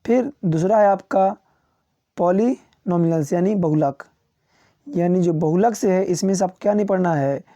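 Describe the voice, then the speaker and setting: A man teaching as a coaching tutor, walking students through which topics to skip. He lists them one by one with small chuckles and slows down to read English titles. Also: high-pitched, warm tone, no room sound, dull audio. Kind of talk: syllabus walkthrough for students.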